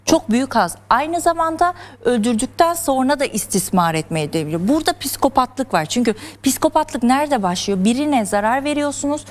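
A woman's voice: high-pitched, very animated, a little fast, hardly any pauses. A woman explaining psychology terms step by step as a guest on a television talk show. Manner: earnest, lecturing, explains step by step. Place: television studio.

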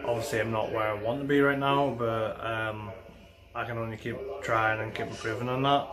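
A man's voice: fairly low pitch, fairly even intonation, normal speed, a crowd in the background. A young man talks casually to camera in a home fitness vlog, easygoing and plain-spoken, with frequent fillers. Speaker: fitness vlogger. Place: home, garage gym and living room.

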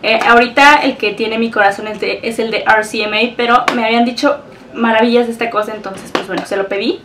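Mexican girl doing an excited unboxing vlog, gushy, little faint hum behind. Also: a little high, fast, far from the mic. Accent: Mexican Spanish. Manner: gushing, emotional, exclamatory. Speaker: beauty vlogger.

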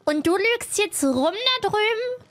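High-voiced woman, indignant roleplay. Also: expressive, faint music behind. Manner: indignant, talks back fast. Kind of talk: in-character roleplay.

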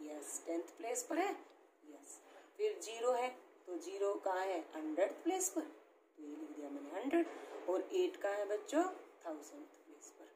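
In an echoey room with faint background noise, a woman with a medium-pitched, darkish voice teaches a classroom-style math lesson. She explains each step and often checks on her pupils.

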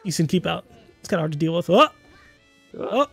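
A man in his twenties commentating a fighting game stream in a casual, laughing way, with quick excited calls of the action. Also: fairly high pitch, vocal fry, slightly rough, faint music behind. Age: 20s.

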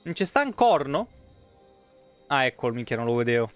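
Streaming a video game from his home setup, this Italian man in his thirties talks at a normal pace in a medium-pitched voice that is clear and resonant, with big swings in pitch. Soft music plays in the background while he delivers casual, foul-mouthed commentary and chats with viewers through a close streaming microphone.

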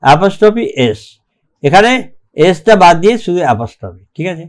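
A man teaching English grammar in a recorded lecture, reading rules aloud slowly and keeping checking that the class follows. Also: sits high, very animated. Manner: slow and deliberate, reads English rules aloud, keeps checking "ঠিক আছে?".

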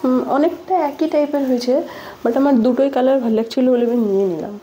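A fairly high, mellow-toned young woman chats informally into a handheld phone camera. She rambles freely and trails off now and then to correct herself. Faint background ambience stays under her voice throughout. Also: fast, a little hiss or hum. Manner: chatty and informal, often trailing off to recheck her words. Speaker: vlogger. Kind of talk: casual vlog chat.

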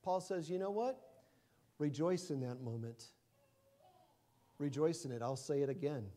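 A middle-aged male preacher with a fairly high but mellow, warm voice. He preaches conversationally, swinging between soft asides and loud emphasis, with a quick chuckle now and then. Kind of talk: sermon.

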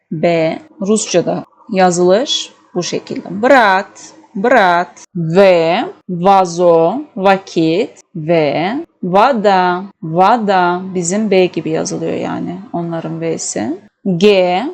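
A young woman teaching the alphabet, patient and clear, saying each example word twice. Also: fairly low pitch, darkish tone. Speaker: language teacher. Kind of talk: slow, clear alphabet lesson.

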